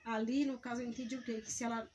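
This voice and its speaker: A woman, a missionary telling a testimony of a vision in a halting, earnest way, often restarting words. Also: a little high, level tone, darkish tone, a little hiss or hum.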